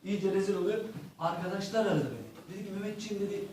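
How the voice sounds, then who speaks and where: A man's voice: high-pitched, fast talker, a little mellow, slight background noise. A young man doing stand-up, telling crude stories and acting out the voices of the people in them. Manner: acts out the voices in his stories, crude punchlines. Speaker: stand-up comedian. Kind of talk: stand-up storytelling. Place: comedy stage in front of an audience. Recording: echoey hall, heard from a distance.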